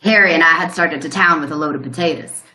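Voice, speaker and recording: In a radio play, a woman with a low, fast, sharp-edged voice plays a plain-spoken male country farmer. He gives a rambling, folksy, puzzled account of a shock he had. The recording sounds roomy and echoing.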